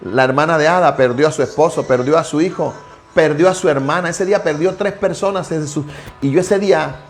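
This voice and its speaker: A man's voice: fairly high pitch, a little fast. A man, a pastor preaching a devotional sermon and telling a personal testimony with emphatic repetition. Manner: emphatic storytelling with heavy repetition.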